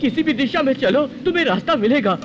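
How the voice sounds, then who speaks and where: A glib wisecracking young rogue. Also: male voice, extremely high pitch, lively intonation, brisk, dull audio, music in the background. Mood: pleading. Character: cheeky young man, comic schemer. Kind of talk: Hindi film dub. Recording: film score behind.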